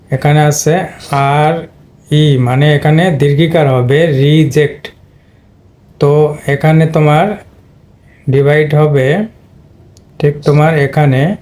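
Higher-voiced man teaching pronunciation. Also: a little mellow. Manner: patient, repetitive, addresses students informally. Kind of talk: explaining lesson at a board.

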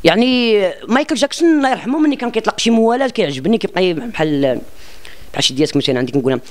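A man with a Moroccan accent talks about himself in a boastful, rambling way. His voice sits very high for a man, and he speaks quickly, cutting off words and starting them again. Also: lively intonation. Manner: boastful and rambling, with frequent restarts. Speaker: self-described singer being interviewed. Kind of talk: casual interview talk.

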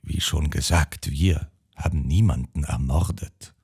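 A man's voice: extremely low pitch, unhurried, vocal fry, a little mellow, husky, full character voice. A man voicing an earnest elderly spinster sister in an audiobook. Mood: firm. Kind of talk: audiobook character voice.

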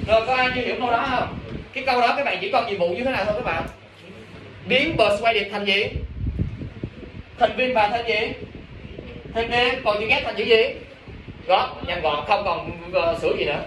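A man's voice: sits high, normal speed, pauses often. A man teaching a class, coaxing students and asking again and again whether they understand. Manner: coaxing, repeatedly checks understanding. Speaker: English teacher. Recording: roomy, distant classroom recording with noise.

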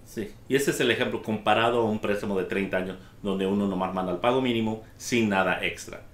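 A man appearing as a loan officer guest, explaining loan terms in a calm, matter-of-fact way. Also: lowish voice, quick pace. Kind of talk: explaining loans in a studio talk. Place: studio in front of a slide screen. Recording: echoey studio room.

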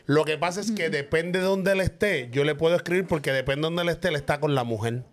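A man with a slightly high voice tells an animated, joking story. He sounds like a co-host in casual podcast banter. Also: fast.

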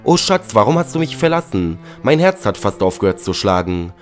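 A man's voice: lowish voice, very animated, normal speed, faint music behind. A man voicing a frantic, worried grandmother in a storybook narration, pleading and tearful in a raised voice. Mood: distraught.

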